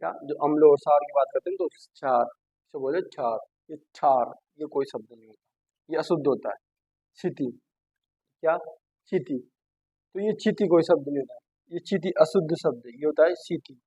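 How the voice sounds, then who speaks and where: A man's voice: on the high side, moderate pace, long pauses, mellow, breathy edge, no room sound. A male teacher giving a grammar lesson, who keeps asking "what?" and then answers himself by repeating the word. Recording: dull dry lo-fi sound.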